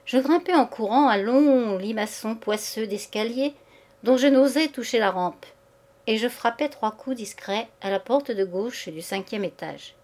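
A woman's voice: a little high, measured pace, darkish tone. Woman reading a classic short story. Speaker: reader.

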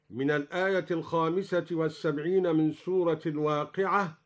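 A man with a fairly high voice speaks very slowly as a recitation scholar, walking through each variant reading. He breaks into measured, melodic chanting whenever he quotes a verse.

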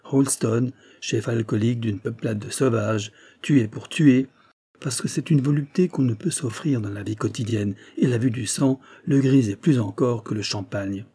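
A man narrating a novel as an audiobook in a measured, dramatic reading. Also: mid-range voice, warm tone, breathy edge.

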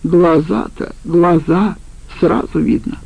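A woman's voice: fairly low pitch, slow pace, creaky, slightly rough, highs cut off, heavily acted. A woman playing a spiteful, brazen woman. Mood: bitter. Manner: sharp, mocking, brazen. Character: spiteful scheming woman, the criminal's former partner.

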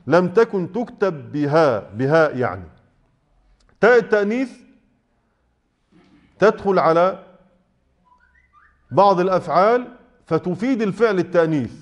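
High-voiced Egyptian man teaching a class. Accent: Egyptian Arabic. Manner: conversational, checks understanding with rhetorical questions. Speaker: Quran recitation teacher. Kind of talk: explaining a text in class. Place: mosque.

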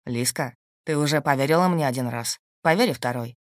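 A woman reading an audiobook, voicing a calm, shrewd and protective husband in a steady, dry, matter-of-fact way. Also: very deep voice, fairly quick, no room sound, voice pushed down. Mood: calm, firm. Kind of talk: audiobook character voice.

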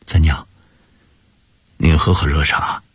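A man voicing an eager, deferential young nephew, husky. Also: a bass voice, little pitch movement, slow, no room sound, heavily acted.

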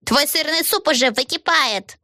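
A woman's voice: high voice, moderate pace, pushed and bright, no room sound, studio quality, voice pushed up. A woman voicing a harsh, mean old woman who scolds and bellows, in an audiobook. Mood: scolding. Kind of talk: audiobook voice acting.

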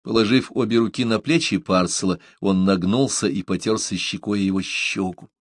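A man narrating a translated novel in an even, measured storytelling voice. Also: fairly low pitch, no room sound, clean studio sound. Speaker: audiobook narrator.

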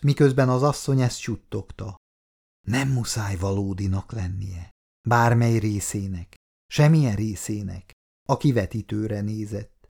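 A man narrating an audiobook in a measured, even, gravelly voice. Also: medium pitch. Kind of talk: scripted narration.

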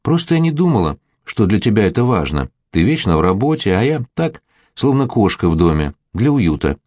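A man voicing a teasing young woman in an audiobook romance, a little higher than his own voice. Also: very animated, a little fast, darkish tone, no echo. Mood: wistful. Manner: teasing, playful. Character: young woman, teasing yet tender and anxious.

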